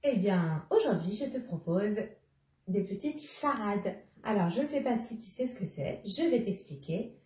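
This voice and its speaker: A woman's voice: mid-range voice, expressive, darkish tone. A woman teacher speaking to a young child, patiently setting riddles and repeating each clue. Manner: slow, patient, addresses a child directly, repeats clues. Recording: roomy, somewhat distant mic.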